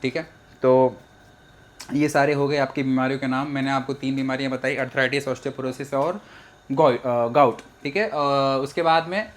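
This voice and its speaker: A young man giving a casual exam-prep biology lecture, chatty and joking, often slipping English phrases into his explanations. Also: mid-range voice. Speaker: biology teacher.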